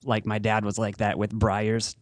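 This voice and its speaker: A man's voice: lowish voice, monotone, moderate pace, no room sound, clean studio sound. A man chatting as a podcast guest, laid-back and self-deprecating, laughing often. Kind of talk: casual podcast chat.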